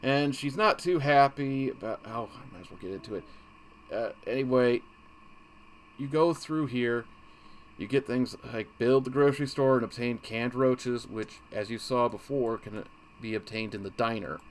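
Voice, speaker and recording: A man's voice: mid-range voice, moderate pace. A man hosting a casual game walkthrough, rambling and easily sidetracked, often breaking off mid-thought. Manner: rambling, easily distracted, self-interrupting. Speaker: gaming channel host.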